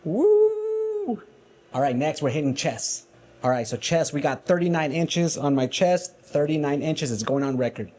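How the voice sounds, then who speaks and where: A man in his forties vlogs casually to camera in a gym, hyping himself up with upbeat energy and joking at his own expense. His mid-range voice has a darkish tone and moderate pace, with slight background noise.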